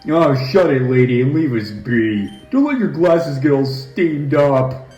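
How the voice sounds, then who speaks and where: A cocky villain's henchman from a video game , acted out by a man, sneers and exclaims defiantly. The voice is pushed high and echoes in a large room. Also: expressive, a little slow, darkish tone, faint music behind, lightly acted. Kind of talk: dramatised game dialogue.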